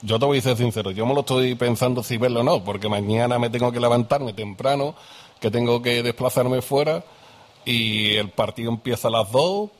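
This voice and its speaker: A man's voice: medium pitch, a little fast. Man hosting a radio call-in. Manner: chatty, familiar, interjects "ajá" often. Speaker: radio host. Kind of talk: casual live call-in chat.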